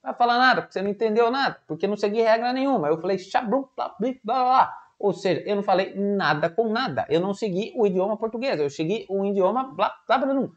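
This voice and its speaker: A woman teaching children programming, lively, with lots of questions and little acted-out dialogues. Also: medium pitch, racing, few pauses, highs cut off. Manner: animated, asks questions and acts out little dialogues.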